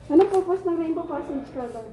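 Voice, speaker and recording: A woman's voice: extremely high pitch, expressive, fast talker, lo-fi sound. A woman with a Filipino accent, speaking through a face mask, chatting casually to her viewers as a vlogger in a hospital examination room. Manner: chatty, addresses viewers directly. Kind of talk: casual vlog chat. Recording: echoey room with people talking.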